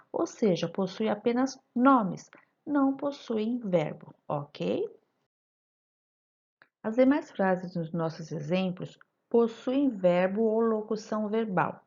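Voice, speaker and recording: A teacher with a Brazilian Portuguese accent speaks in a mid-range, darkish, breathy voice while narrating a recorded lesson. She's didactic, questioning her students directly, and the voice-over recording sounds dull and lo-fi.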